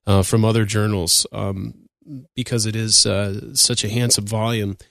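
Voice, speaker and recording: A man co-hosting a podcast in casual chat, easygoing, with drawn-out fillers. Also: on the low side, flat delivery, creaky, a bit bright, no room sound, studio quality. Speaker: podcast co-host.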